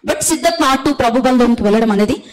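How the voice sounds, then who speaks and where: A woman preaching a sermon. Her voice sits a little high. She speaks bluntly and forcefully, stressing her points with repeated hallelujahs. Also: expressive, fairly quick, poor audio.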